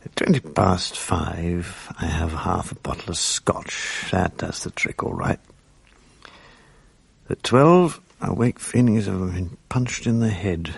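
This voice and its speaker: Slow and low, with vocal fry and a slightly rough edge, a man in his fifties with a British accent gives a full character voice to a sleepless, bitter writer in mourning. In this radio drama the character narrates his days in a dry, self-mocking, gloomy way, and the mood is weary. The recording is dry.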